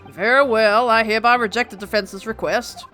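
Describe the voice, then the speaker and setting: A woman voicing a stern, formal male judge in a video game, speaking in a pompous, measured way. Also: a little high, steady tone, fairly bright tone, soft background music, close to an everyday voice. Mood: commanding. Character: stern, formal male British judge presiding over court. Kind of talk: video game read-aloud voice acting.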